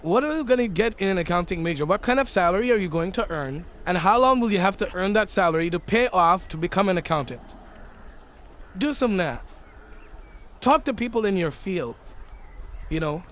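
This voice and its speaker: A middle-aged man giving an Islamic lecture on a verse, animated and acting out the voices in his examples. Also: high voice, brisk, slight background noise. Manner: animated, acts out the voices of traders and arguers. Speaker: Islamic teacher. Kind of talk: tafsir lecture.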